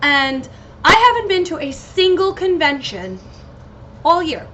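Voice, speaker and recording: A woman's voice: very high voice, very animated, unhurried. An American woman hosting a solo podcast in a casual, rambling, sweary chat, giggly and scattered as if slightly loopy on painkillers. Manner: giggly, scattered, easily losing her train of thought. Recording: muffled lo-fi home recording with noticeable noise.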